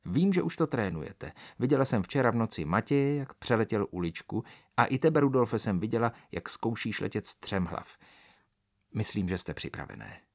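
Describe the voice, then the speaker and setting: Man voicing a gentle, firm mother cat. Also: fairly low pitch, big pitch swings. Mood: calm firm.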